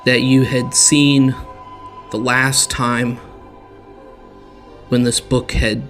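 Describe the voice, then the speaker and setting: Slow, deliberate male dungeon master. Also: mid-range voice, flat delivery, fairly bright tone, soft background music. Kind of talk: narrating a tabletop game.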